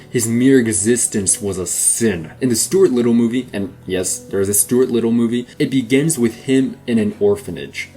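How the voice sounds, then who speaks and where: A young man doing a comedic monologue, mock-serious and ranting, with sudden loud outbursts. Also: fairly low pitch.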